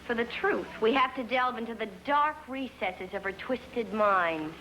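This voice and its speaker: An actress playing a melodramatic, self-admiring young college student who talks in theatrical, exaggerated alarm, in 1950s sitcom style. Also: female voice, on the high side, measured pace, very noisy, natural voice. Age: young adult. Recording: old TV soundtrack, studio audience laughter.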